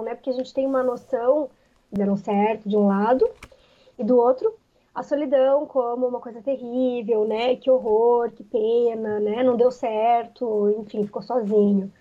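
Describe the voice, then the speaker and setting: Female author, reflective and halting, slightly high, muffled lo-fi sound. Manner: reflective, many pauses and "né" fillers. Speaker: author being interviewed. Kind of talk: interview answers.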